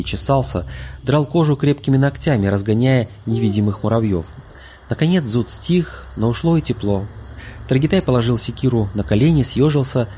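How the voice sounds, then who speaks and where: A man reading a fantasy audiobook aloud in steady scripted narration. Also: mid-range voice, slight background noise.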